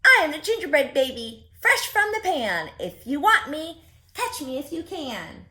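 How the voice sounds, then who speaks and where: A cheeky little gingerbread baby boy, as played by a woman reading a storybook. The voice is raised high and swings up and down in a sing-song taunt, boastful and teasing. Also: very animated, measured pace, pushed and bright, heavily acted.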